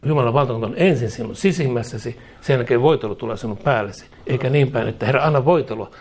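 A man's voice: medium pitch, a little mellow, breathy edge. A man preaching a charismatic sermon in emphatic, rhythmic repeated phrases, chuckling now and then.

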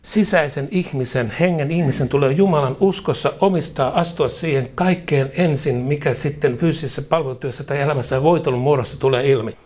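A man's voice: fairly high pitch, few pauses, a little mellow. A man preaching a charismatic sermon in emphatic, rhythmic repeated phrases, chuckling now and then.

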